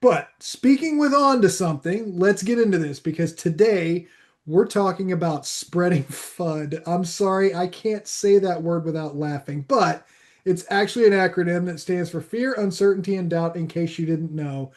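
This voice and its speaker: A male podcast co-host with a notably high voice. He rambles cheerfully, restarts his sentences and breaks into giggles. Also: moderate pace, darkish tone. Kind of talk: casual chat.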